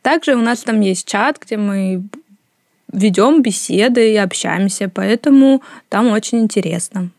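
A woman's voice: medium pitch, measured pace, a little mellow, no room sound, studio quality. A woman in her thirties co-hosting a casual podcast, playful and teasing. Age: 30s. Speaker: podcast co-host.

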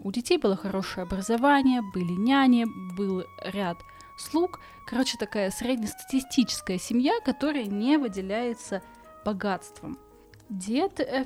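A woman's voice: a little high, a little mellow. A woman podcast host with a burred, impeded r, telling a story informally for bedtime listening in a chatty, colloquial way, with asides. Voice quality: non-rolled, burred r sound (speech impediment). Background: background music.

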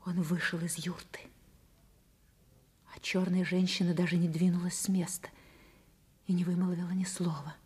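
A woman's voice: fairly low pitch, little pitch movement, normal speed, pauses often, darkish tone, breathy edge. An actress playing an anguished, defiant woman telling her story in a theatrical old Soviet radio drama style of the 1960s. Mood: numb despair. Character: anguished, defiant woman recounting her forced marriage at fifteen. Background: music.

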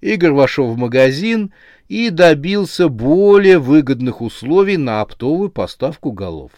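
A man narrating a horror novel as an audiobook, with lively storytelling. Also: a little high, moderate pace, no echo, studio quality.

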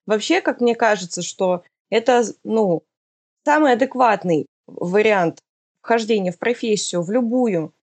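A woman's voice: medium pitch, unhurried, darkish tone. A woman talks casually in an interview, explaining things in an informal way.

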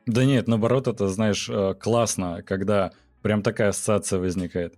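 Low-voiced male podcast host. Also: steady tone, normal speed, darkish tone, soft background music. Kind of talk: announcement then casual chat.

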